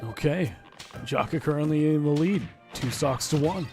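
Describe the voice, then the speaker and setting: A man's voice: a little high, normal speed, dark tone, faint music behind. A man giving casual, chatty color commentary on an online fighting-game tournament. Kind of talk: esports commentary.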